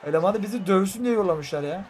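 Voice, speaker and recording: A young man commentating live as he plays a fighting game, frustrated and excitable, muttering one moment and shouting the next. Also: high voice, fast. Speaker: gaming streamer. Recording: faint crowd and game noise behind.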